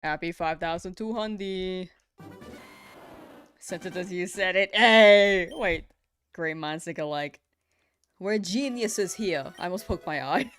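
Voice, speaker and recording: A woman's voice: fairly low pitch, unhurried, long pauses, faint music behind. A young woman streaming a game, chatting casually and giggling as she reads viewer messages. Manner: laid-back, giggly, chatting with viewers while hunting in a game. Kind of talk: casual live-stream chat.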